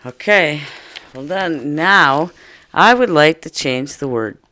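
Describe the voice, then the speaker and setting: A man teaching an online first grade phonics lesson, sounding out words slowly and cheering children on. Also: fairly high pitch, expressive, sharp tone.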